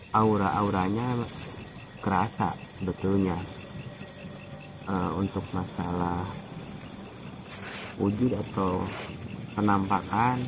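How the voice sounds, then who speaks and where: A man casually recounting what he has seen, in halting short phrases, outdoors at night. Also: low voice. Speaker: local witness being interviewed. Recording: clear insect noise, outdoors at night.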